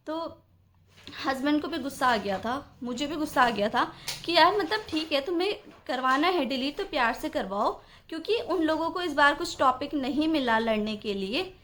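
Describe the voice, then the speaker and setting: A woman's voice: high voice, slight background noise. A young adult woman vlogging about a family dispute, upset and indignant, talking in long rambling runs full of fillers. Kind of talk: emotional personal vlog rant.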